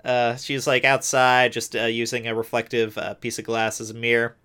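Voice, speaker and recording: A man's voice: medium pitch, completely flat delivery, normal speed, bright, forceful tone, smooth. Wry man summing up plot with sarcasm. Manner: wry, sarcastic summaries with many uh fillers. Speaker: podcast co-host. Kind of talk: casual chat recapping a TV episode.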